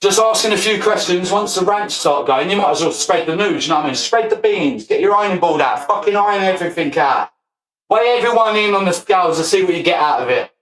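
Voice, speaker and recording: A forty-something man, high-pitched for a man, ranting on a livestream. He swears freely and breaks into laughter as he talks. The sound bounces around an echoey room. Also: animated, a bit bright. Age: 40s. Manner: profane, ranting, quick to laugh. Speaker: streamer. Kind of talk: livestream rant.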